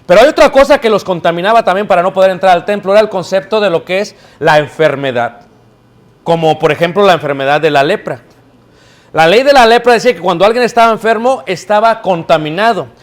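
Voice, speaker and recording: A man preaching to a live congregation in a church, his pitched notably high. He tells stories with energy and keeps tossing questions out to the listeners so they answer back. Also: fast. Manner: lively storytelling, calls out questions to the congregation. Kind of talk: sermon.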